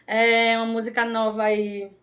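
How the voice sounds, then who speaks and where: Woman teacher, Brazilian accent, high pitched voice, bright tone, online class, keeps asking "right, everyone?". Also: monotone, moderate pace. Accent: Brazilian Portuguese. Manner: frequent check-ins with "tá, gente?" and "certo?". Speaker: Portuguese teacher.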